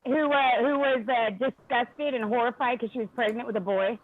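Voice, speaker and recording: A woman's voice: a little high, steady tone, brisk, phone-quality sound, over a noisy crowd. A woman on a video call in a casual chat. She is blunt, swears a lot and often restarts her words.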